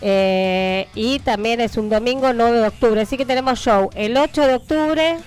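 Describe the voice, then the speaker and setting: A woman with an Argentine accent, chatting on a radio program as an event producer. She talks in a rambling, hesitant way, full of fillers and restarts. Her voice is smooth and clear, with faint music behind. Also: on the high side, moderate pace, darkish tone. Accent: Argentine Spanish. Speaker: event producer and press agent. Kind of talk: radio interview, promoting shows.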